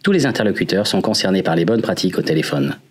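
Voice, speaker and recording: Low-voiced male training narrator. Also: animated, fast talker. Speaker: instructional narrator. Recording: faint background music.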